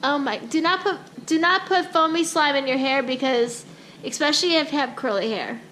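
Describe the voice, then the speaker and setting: A woman, a mother filming her kids at home, narrating in a playful vlog style with lots of excited, laughing exclamations. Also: high voice, moderate pace, slight background noise. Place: house, indoors.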